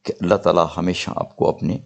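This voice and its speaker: An older man teaching English grammar, saying example sentences slowly and deliberately. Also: low-pitched, little pitch movement, gravelly, a little mellow. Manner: slow deliberate model sentences, explanatory. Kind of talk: spoken grammar lesson.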